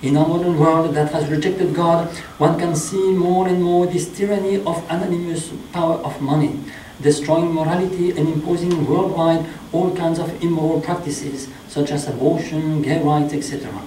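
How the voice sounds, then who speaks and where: A middle-aged man with a French accent, a priest reading a sermon slowly and in a measured way in a small chapel. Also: fairly high pitch, fairly even intonation, mellow, slight background noise. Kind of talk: sermon read from notes. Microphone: stand mic. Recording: echoey chapel, mic at a distance.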